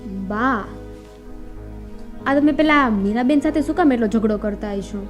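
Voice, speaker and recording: An actress playing a gentle young woman who pleads with her mother-in-law to avoid fights. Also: fairly high pitch, a little slow, soft background music, lightly acted. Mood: pleading. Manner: pleading, conciliatory. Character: gentle young woman urging peace with the neighbours.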